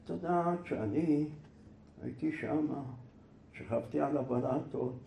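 A man voicing a calm, gentle husband who reads a letter in a soft, soothing, slow way, recorded in an echoey room with faint noise. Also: a little high, creaky.

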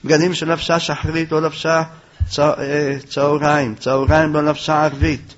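Male rabbi lecturing, animated storyteller, higher voice, muffled lo-fi sound. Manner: animated storytelling, rising loud for quoted lines. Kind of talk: Torah lecture. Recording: dull lo-fi recording.

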